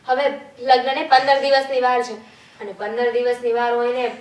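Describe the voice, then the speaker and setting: Brief: a woman playing a high young daughter, pleading, in an echoey room. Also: level tone, moderate pace, natural voice. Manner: pleading, peace-making. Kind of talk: Gujarati film acting. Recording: echoey room with faint hiss.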